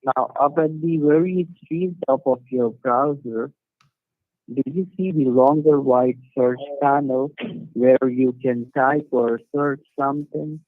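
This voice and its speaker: Brief: fake support agent on a dry, thin phone line, scripted and pushy. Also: male voice, mid-range voice, steady tone, takes it slowly, dry recording. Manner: scripted, repeats questions insistently. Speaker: scam caller posing as tech support. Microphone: phone call.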